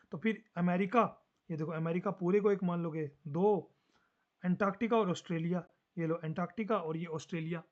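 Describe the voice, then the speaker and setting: A man teaching a social studies lesson fast and casually, mixing Hindi with English terms. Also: high voice, darkish tone, dull audio.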